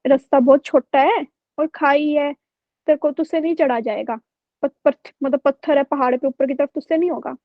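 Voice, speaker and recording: A woman teacher voicing a gentle, reassuring father in a story she tells her class. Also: sits high, fairly even intonation, normal speed, no echo, phone-quality sound. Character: calm caring father, adult man.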